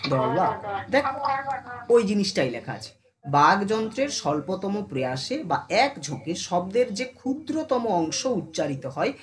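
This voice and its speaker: With a sing-song delivery at medium pitch, this teacher gives an informal online class and addresses her students casually. Constant check-in questions punctuate the lesson, and she slows to pronounce syllables individually.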